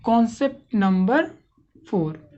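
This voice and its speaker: A woman's voice: on the high side, expressive, takes it slowly, dark tone, highs cut off. A woman teaching a grammar lesson to a class, asking questions and checking understanding often.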